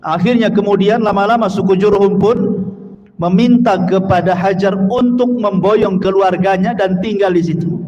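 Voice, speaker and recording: A man's voice: high voice, a little mellow. A man preaching a sermon to a congregation, asking his listeners questions and reciting Arabic verses before explaining them. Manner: emphatic, rhetorical questions to listeners. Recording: long hall reverb, faint background noise.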